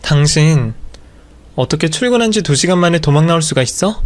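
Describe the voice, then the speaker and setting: A man's voice: fairly high pitch, expressive, a little fast, pitched above the performer's own voice, natural voice. A man voicing an exasperated young wife and working mother who scolds her husband. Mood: scolding. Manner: scolding, nagging.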